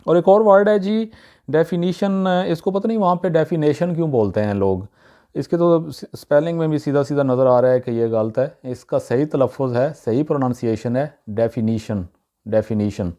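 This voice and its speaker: A man giving a casual spoken pronunciation lesson, working through words one by one, saying each one twice, with frequent "uh" pauses. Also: on the high side, lively intonation, mellow. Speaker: channel host teaching English pronunciation. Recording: dull, muffled lo-fi sound.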